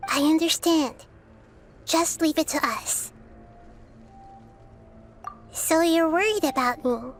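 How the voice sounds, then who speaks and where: A woman voicing a small, wise, kindly girl goddess in a video game, with a light, girlish voice and a calm, thoughtful manner. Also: high-pitched, takes it slowly, long pauses, faint music behind. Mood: reassuring. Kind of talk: English video game voice acting.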